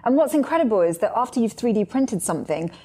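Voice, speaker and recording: A woman's voice: a little high, sing-song, fast, dark tone, slightly rough. A woman hosting a science chat, eagerly explaining how things work and asking questions. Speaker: host. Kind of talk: conversational radio chat.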